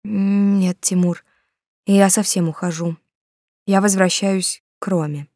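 A woman voicing a guilty young woman who speaks softly and haltingly, close to tears, apologizing as she leaves. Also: mid-range voice, steady tone, no echo. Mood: apologetic, strained. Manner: soft, halting, apologetic, near whisper. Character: young woman, guilty, tearful, leaving her lover.

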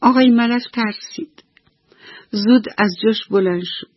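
A woman storyteller narrating a bedtime story for children on the radio, gentle and affectionate. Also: a little high, no echo, highs cut off.

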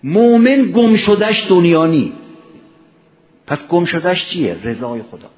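A man preaching a religious sermon, telling stories and acting out short dialogues, swinging between loud emphasis and soft, low asides. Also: big pitch swings, dull audio. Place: religious gathering hall.

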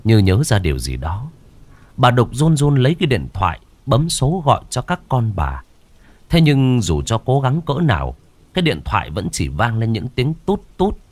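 A man narrating a ghost story, dramatic and slowing down on the eerie moments. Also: medium pitch, wildly swooping pitch, no room sound.

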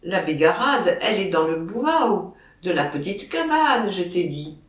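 A reader voicing a proud, scornful male horse who mocks the herdsmen, in a slow, lively storybook reading. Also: mid-range voice. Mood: mocking. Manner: boastful, mocking. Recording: roomy, distant mic.

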